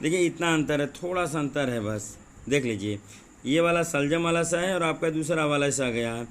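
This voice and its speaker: A male teacher giving an exam-prep lesson, explaining word pairs slowly and repeating them, often asking rhetorical questions. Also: a little high, fairly bright tone. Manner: says 'dekhiye' and 'thik hai' often.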